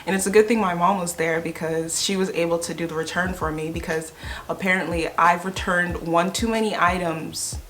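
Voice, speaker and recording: Chatty young woman vlogger, lower voice. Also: steady tone, a little fast, fairly bright tone. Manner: chatty, enthusiastic, addresses viewers as "you guys". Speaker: home decor vlogger. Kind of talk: casual vlog chat.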